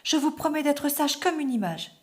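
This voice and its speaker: A woman's voice: high voice, animated, moderate pace, voice pushed up. A woman voicing a frightened little boy wolf cub who whimpers and pleads. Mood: pleading.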